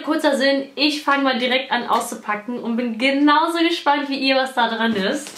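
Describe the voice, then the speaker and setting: A young woman vlogging an unboxing in a gushing, excitable way. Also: a little high. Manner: gushing, excitable, squeals and laughs over gifts. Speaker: beauty vlogger. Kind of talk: casual unboxing vlog. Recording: echoey room, faint noise.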